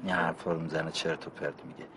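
An actor playing an addicted father who coaxes his small child softly, then shouts in fury, with music under the scene. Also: a bass voice, little pitch movement, crowd noise. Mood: gentle coaxing. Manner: shifts from soft coaxing to shouting. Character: man, addicted father, tender then explosive.

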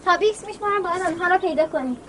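Young period-drama child, earnest and formal, piping very high over clear noise. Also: female voice. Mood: playful. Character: young child playing hide-and-seek, earnest and worried. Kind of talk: dramatic period television acting.

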